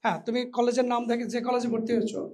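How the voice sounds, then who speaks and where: A man teaching English pronunciation to new college students in a hall, lively and teasing, slipping English phrases into his talk. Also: very high voice, rapid-fire. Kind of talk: lively classroom lecture with a live audience.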